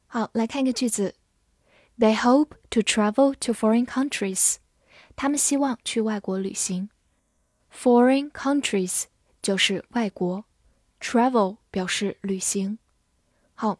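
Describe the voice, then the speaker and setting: Slow, patient woman teaching English words. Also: medium pitch, darkish tone, no room sound, studio quality. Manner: patient, methodical, spells words letter by letter. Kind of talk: vocabulary lesson, spelling and slow read-alongs.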